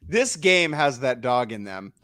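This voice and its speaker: A man's voice: medium pitch, big pitch swings, measured pace, bright, forceful tone, no room sound, studio quality. A man chatting casually as a guest, making joking, punning asides. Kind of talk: casual chat.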